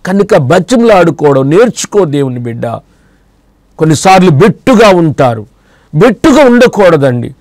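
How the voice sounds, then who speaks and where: A man from Andhra Pradesh preaching on television, his fairly high voice swinging widely up and down as he repeats his words over and over. He calls the listeners beloved children of God and pleads with them directly. The sound is close and dry, with no room echo. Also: sing-song, moderate pace, darkish tone. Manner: repetitive, pleading preaching with sweeping rises and drops. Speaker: pastor. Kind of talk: televised sermon and closing prayer.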